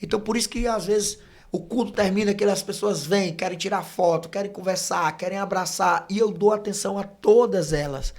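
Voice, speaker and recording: A man's voice: sits high, fairly quick, vocal fry. A man, an evangelist guest on a podcast, telling his testimony in casual chat and acting out the voices in his stories. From Brazil. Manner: animated storyteller, acts out dialogue.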